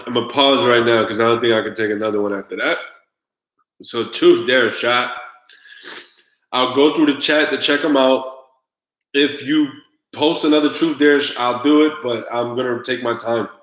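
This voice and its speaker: Casual male streamer, mid pitch, relaxed chat in a roomy space. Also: normal speed. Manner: laid-back, talks straight to viewers, groans at the drink. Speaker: live stream host.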